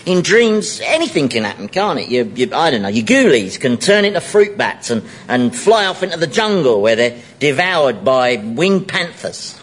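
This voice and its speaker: A sardonic wisecracking scarecrow. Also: male voice, fairly high pitch, big pitch swings, moderate pace, few pauses. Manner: dry, wisecracking. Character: sardonic, blunt male scarecrow. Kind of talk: comedic radio play.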